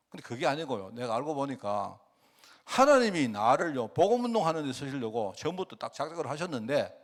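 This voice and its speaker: A middle-aged man preaching a sermon, often asking the congregation rhetorical questions, swinging between loud and soft. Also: a little high. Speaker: pastor.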